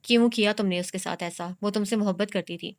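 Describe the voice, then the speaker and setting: Lady doing an upset young wife, accusing and pleading, clear smooth voice. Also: medium pitch, steady tone, close to an everyday voice.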